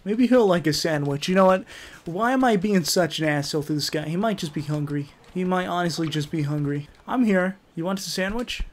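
A young man commentating a game in a rowdy, profane way, yelling taunts at the characters. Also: sits high, a little fast, slight background noise. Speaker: gaming YouTuber.

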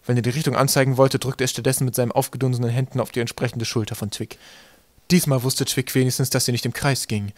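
A man reading an audiobook in calm, steady narration. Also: medium pitch, quick pace, no echo. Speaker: audiobook reader. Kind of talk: scripted narration.

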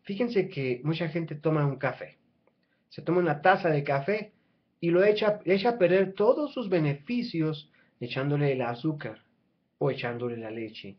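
A man in his thirties speaks straight into a webcam from a small room at home, in a slightly high voice. He talks earnestly and persuasively, restarting himself and filling pauses as he goes. The sound is dull and lo-fi. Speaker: channel host. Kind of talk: casual talk to camera. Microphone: webcam at close range.

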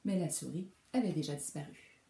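A woman reading a children's storybook aloud, in an expressive, animated storytelling manner, recorded in an echoey room. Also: low voice, a little fast, background noise. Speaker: reader.

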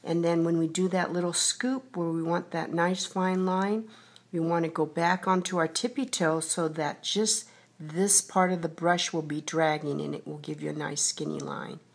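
A woman's voice: lowish voice, fairly even intonation, moderate pace. A woman giving a step-by-step painting tutorial, patiently narrating each brushstroke as she works, like a TV painting instructor. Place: indoors at a table.

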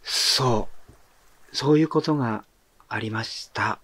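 A man's voice: mid-range voice, takes it slowly, fairly bright tone, dry recording. A middle-aged man hosting a monologue show, telling a story in a casual, conversational way. At times he drops to a murmur. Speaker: author and monologue host.

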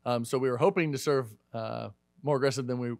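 A man's voice: mid-range voice, fairly even intonation, gravelly, a little mellow, dry recording. A man in his thirties, a head volleyball coach, answering questions at a post-match press conference in a casual, filler-heavy way. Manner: fast, conversational, many fillers and restarts. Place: media room in front of a sponsor backdrop. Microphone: desk microphone.

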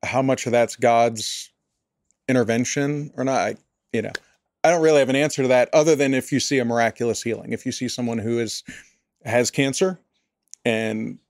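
A man's voice: medium pitch, fairly even intonation, moderate pace, no room sound, clean studio sound. A man, a pastor, answering interview questions in an earnest, thoughtful way, often restarting his sentences. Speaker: pastor and area director, podcast guest.

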